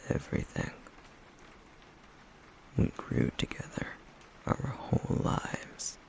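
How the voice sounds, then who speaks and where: Over poor audio, a man lightly acts the part of a stoic, wounded flame demon in an intimate ASMR roleplay. His near-whisper is breathy and gravelly, slow and brooding with wry teasing, and he comes across bitter and wistful, with a guarded edge.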